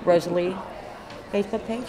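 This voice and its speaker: This middle-aged woman, a paranormal investigator with a Kentucky accent, appears as a guest in a casual live interview at a haunted hotel event, rambling with many fillers and restarts. Her voice is on the low side and dark, and the live recording has a little hiss or hum plus background crowd chatter.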